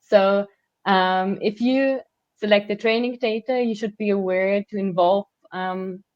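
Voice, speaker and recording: A woman's voice: medium pitch, fairly even intonation, a little slow, no room sound. A woman expert in a panel discussion, thoughtful and hesitant, with frequent fillers. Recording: dry, dull lo-fi audio.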